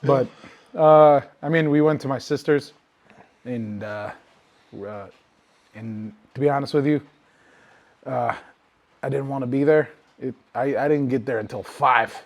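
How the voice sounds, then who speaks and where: A man's voice: medium pitch, measured pace, long pauses. A man co-hosting a podcast, rambling through stories in casual chat, cursing often. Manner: swears a lot, rambling and loose; animated when telling stories. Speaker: podcast co-host.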